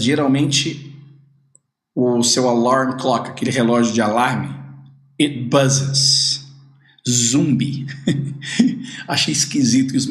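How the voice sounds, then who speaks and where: A man teaches an English lesson at an unhurried pace. His pitch rises and falls a lot as he drills phrases. His voice has a roomy echo around it. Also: a bit bright. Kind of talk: online language lesson.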